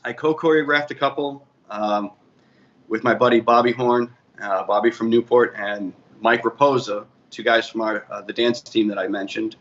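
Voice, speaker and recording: A man's voice: medium pitch, fairly even intonation, normal speed, fairly bright tone. A man with a Boston accent, telling his career story in a casual interview and often correcting himself. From Boston area, USA. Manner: rambling, self-correcting storytelling. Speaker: guest, DJ and bar manager. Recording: muffled audio with faint ambient noise.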